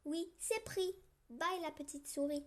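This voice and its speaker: A woman voicing a small female mouse in a children's story, bright and quick to grumble. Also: very high-pitched, voice pushed up. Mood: lively.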